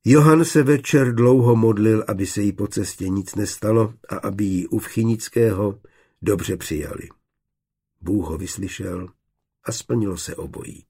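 Gravelly male audiobook narrator. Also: on the low side, a little mellow.

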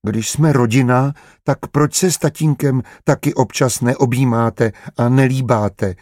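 A man's voice: steady tone, darkish tone, dry recording, clean studio sound, close to an everyday voice. A man voicing a small, curious, insistent boy in a storybook reading. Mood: pleading, insistent. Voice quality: raised childlike pitch.

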